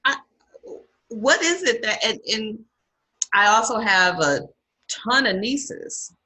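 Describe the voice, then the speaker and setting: A woman's voice: fairly high pitch, animated, takes it slowly, bright, forceful tone. A woman interviewing a guest in a casual conversation, asking questions emphatically.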